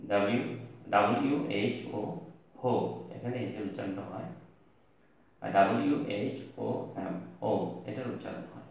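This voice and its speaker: A man teaching an English lesson at a board, spelling out letters slowly and stressing key words. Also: medium pitch, vocal fry. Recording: echoey, distant, dull lo-fi recording.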